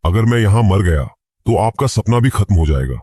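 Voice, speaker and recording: Man doing a cocky young necromancer, deep husky voice, sarcastic, dry sound. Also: lively intonation, moderate pace, darkish tone, no echo. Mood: defiant. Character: young male necromancer, defiant and proud.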